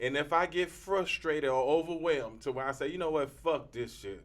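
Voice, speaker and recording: A man's voice: on the high side, normal speed. A man about forty, co-hosting a casual podcast chat, telling stories with acted-out quotes and frequent laughs. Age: 40s. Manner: animated storytelling, acts out quotes, laughs often. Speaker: podcast co-host.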